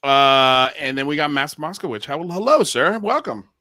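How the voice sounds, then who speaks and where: A man hosting a casual live-stream panel chat, talking in a lively, emphatic way and laughing easily. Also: fairly high pitch, moderate pace, no room sound. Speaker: host.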